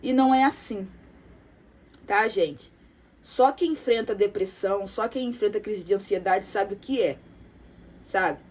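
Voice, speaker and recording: A woman speaking directly to her viewers in a personal confessional vlog, soft and halting, with many fillers, repeated words and "tá?" tags. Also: medium pitch. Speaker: vlogger.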